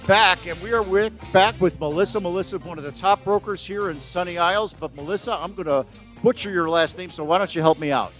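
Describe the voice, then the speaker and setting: A man hosts a business talk radio show at an event venue with photographers, chatting casually with a guest and joking about himself. His voice sits high with a fairly bright tone and a fairly quick pace, over soft background music.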